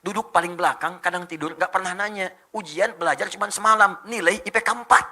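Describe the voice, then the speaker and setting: A middle-aged man preaching a lively sermon, animated and joking, firing off rhetorical questions to the crowd. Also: sits high, fast talker, gravelly, slight background noise. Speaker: Islamic preacher.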